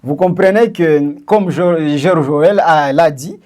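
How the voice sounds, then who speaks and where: Man from Congo, co-host, halting and explanatory, plenty of fillers. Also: a little high, a little mellow. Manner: hesitant, many fillers and restarts; explains with examples, asks questions. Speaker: podcast co-host. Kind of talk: casual discussion.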